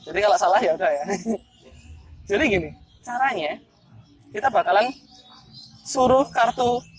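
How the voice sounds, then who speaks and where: A young man, performing street magic outdoors in a park and teasing the people he plays with in a chatty, playful way. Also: high-pitched. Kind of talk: casual street performance patter.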